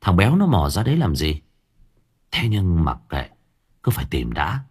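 A man narrating an audiobook story in a lively, expressive way. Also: sits low, moderate pace, slightly rough.

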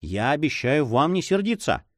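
A man's voice: mid-range voice, big pitch swings, moderate pace, dry recording, clean studio sound, voice pushed up, natural voice. A man voicing an impatient young nobleman. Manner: eager, impatient, pleading.

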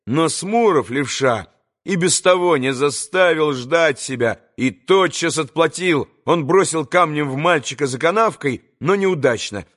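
A man with a voice on the high side reads a classic novel aloud as an audiobook narrator, measured and expressive.

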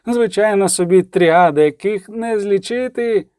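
A man's voice: high-pitched, a little slow, a little mellow, clear, resonant tone, no room sound, studio quality, pitched above the performer's own voice. A man voicing a defiant pagan man, declaiming emphatically with mockery. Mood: scornful.

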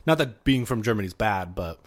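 A man's voice: lowish voice, animated, brisk. A man co-hosting a podcast in casual chat, dropping wry quips and laughing asides. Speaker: podcast co-host.

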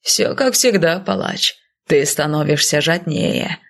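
A woman's voice: deep voice, expressive, a little slow, creaky, full character voice. Woman doing a crude, jeering male guard. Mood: mocking. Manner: mocking, coarse. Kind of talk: audiobook character voice.

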